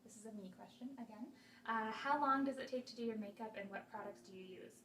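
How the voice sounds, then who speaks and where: A woman's voice: fairly high pitch, fast talker, slight background noise. A woman in her twenties answering viewer questions in a casual chat, talking freely with lots of fillers. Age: 20s. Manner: chatty, many fillers, animated retelling. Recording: roomy sound, mic at a distance.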